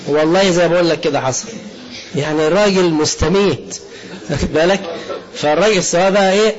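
In a dull, lo-fi lecture recording, a fast-talking man with a fairly high voice and Egyptian Arabic accent preaches a colloquial religious lesson. He frequently asks his audience questions and answers them himself.

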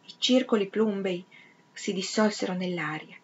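A woman reading a literary novel aloud in a measured, expressive way, sometimes sinking to a whisper. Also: medium pitch, a little hiss or hum. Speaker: reader. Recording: slightly dull, lo-fi recording.

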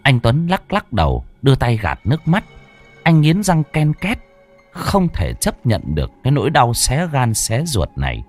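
A man's voice: mid-range voice, wildly swooping pitch, moderate pace, darkish tone, faint music behind. A man narrating a ghost story in a dramatic storytelling delivery.

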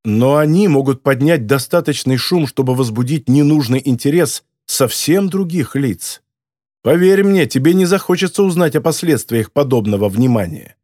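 Guy doing a smug sinister yank, mocking and slow, dry close sound. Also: mid-range voice, animated, darkish tone, no room sound, lightly acted. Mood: scornful. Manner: mocking, cold, deliberate. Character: sinister condescending bald American man. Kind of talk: audiobook character voice.

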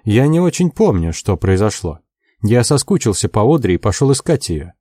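A weary, bewildered young man who gropes for his memories, his words faltering, as a man reads him in the book. His voice is mellow and dry, heard close to the mic. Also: lowish voice, sing-song, moderate pace, dry recording. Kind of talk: audiobook character voice.

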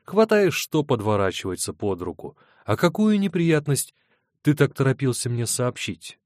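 A man voicing a weary, mocking woman, the sharp-tongued older sister in an audiobook. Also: mid-range voice, very animated, normal speed, dry recording, voice pushed up, close to an everyday voice. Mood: sardonic. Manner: dry, mocking.

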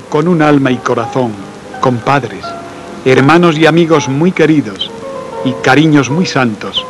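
A man reading devotional letters aloud in a slow, earnest and intimate way, letting phrases trail off quietly. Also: mid-range voice, rough recording. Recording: faint music and rain behind.

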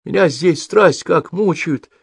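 A man's voice: a little high, slow, creaky, breathy edge, no echo, studio quality, pitched above the performer's own voice, full character voice. A man voicing a tearful little peasant boy in a hospital bed, whining and pleading in a raised voice. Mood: whiny. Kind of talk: audiobook character voice.

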